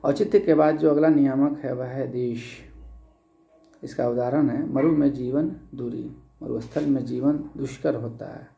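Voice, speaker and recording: A male college lecturer from India giving a slow, deliberate recorded lecture, pausing often with fillers and calling his listeners friends. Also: mid-range voice, fairly even intonation, creaky, warm tone, echoey room. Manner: slow deliberate explaining with many pauses and fillers.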